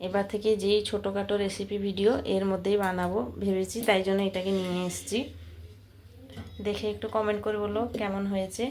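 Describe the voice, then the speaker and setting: A woman's voice: mid-range voice, level tone, a little fast, a little mellow. A woman chatting casually to her viewers as she films a home vlog on a phone camera. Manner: chatty, friendly, often addresses viewers as friends. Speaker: home vlogger.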